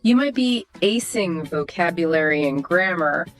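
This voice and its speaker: A woman co-hosting a scripted podcast dialogue, explaining ideas in a clear, teacherly way. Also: lowish voice, expressive, measured pace, low-quality recording. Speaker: podcast co-host. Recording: soft music behind the voice.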